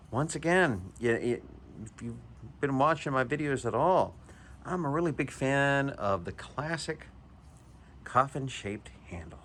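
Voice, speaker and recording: A man's voice: medium pitch, a bit bright, slight background noise. A man and knife collector giving a chatty, enthusiastic show-and-tell review, with chuckles and hesitant restarts.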